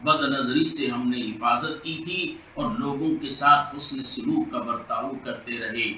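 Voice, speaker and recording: A man, an imam from India, leading a Friday sermon supplication in slow, drawn-out chanted lines, recorded in a mosque. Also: medium pitch, fairly even intonation, bright, forceful tone, reverberant, recorded from a distance, a little hiss or hum, poor audio.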